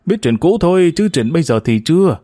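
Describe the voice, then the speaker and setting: A man voicing an older retired father who speaks calmly and urges gently, in a narrated story. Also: on the high side, fairly quick, no echo, studio quality, pitched above the performer's own voice, lightly acted. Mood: fatherly.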